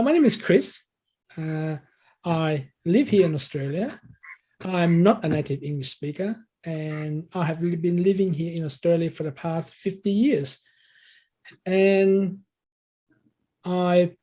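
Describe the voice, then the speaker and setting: An unhurried, mellow, high-pitched man who pauses often answers an interviewer's questions. In his sixties, from Thailand and a native Thai speaker, he works as an English learning coach and explains conversationally in a coach's manner.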